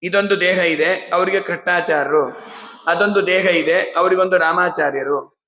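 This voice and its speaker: A man giving a devotional discourse in a slow, measured way, breaking into melodic chanting of verses and hymns. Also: sits high, bright, forceful tone, reverberant, rough recording. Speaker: Bhagavata discourse speaker.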